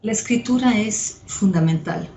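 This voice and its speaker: A woman psychoanalyst giving a measured, step-by-step lecture with occasional fillers. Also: mid-range voice, creaky, warm tone, a little hiss or hum. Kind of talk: slow didactic lecture. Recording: echoey room.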